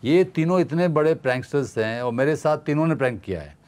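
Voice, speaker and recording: A man's voice: a little high, fast talker. Guy on a podcast spinning a funny set story, does all the voices himself. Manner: animated, acts out quoted voices. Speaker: guest actor. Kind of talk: casual storytelling anecdote.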